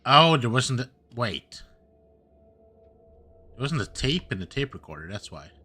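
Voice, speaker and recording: Bright, lively male game streamer. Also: medium pitch, a little slow, husky, soft background music. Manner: mutters to himself while playing. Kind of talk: live gameplay commentary.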